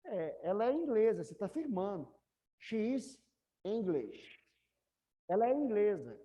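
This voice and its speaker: A woman's voice: medium pitch, sing-song, measured pace, dark tone, dull audio. A woman English teacher with a Brazilian Portuguese accent, explaining grammar to a class and checking in with students often. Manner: patient, repeats questions to students.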